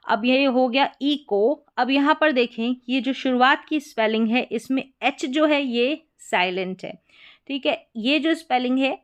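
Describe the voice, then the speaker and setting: A woman's voice: on the high side, clean tone. A woman teaching English reading, patiently spelling words out letter by letter and repeating each pronunciation. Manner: repeats words and checks in with short affirmations. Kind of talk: explaining spelling patterns step by step.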